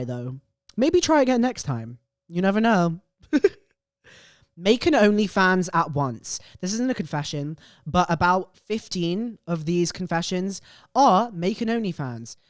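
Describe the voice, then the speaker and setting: With a lowish voice captured in studio quality and free of echo, a young female show host dishes out gossip gleefully. She is animated and opinionated, reacting with emphasis and repeating phrases to drive her points home on her casual, chatty program.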